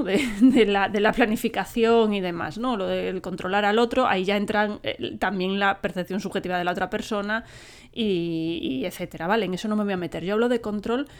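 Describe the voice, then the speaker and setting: A woman with a head cold gives a relaxed spoken lesson as a therapist, her voice a little nasal. She talks in a chatty way, full of fillers and checking questions to the listener. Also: mid-range voice, clean tone. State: has a cold, slightly nasal voice. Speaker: therapist teaching a course.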